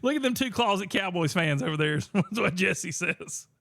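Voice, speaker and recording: A man's voice: high voice, moderate pace, creaky. A man hosting a podcast livestream, talking energetically and reading out chat messages. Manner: energetic, reads chat aloud. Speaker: podcast host.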